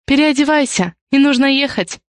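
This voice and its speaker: A woman reader voicing a young, anxious, loving wife who speaks in soft, breathy whispers in an audiobook. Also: sits high, moderate pace, dry recording, studio quality, voice pushed up, lightly acted. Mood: soft pleading. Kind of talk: audiobook character voice.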